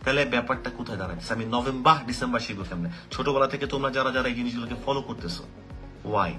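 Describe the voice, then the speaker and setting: A man giving an animated talk about learning English, asking rhetorical questions and slipping English phrases into his speech. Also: mid-range voice, rapid-fire, over music. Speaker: English teacher. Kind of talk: motivational talk to camera.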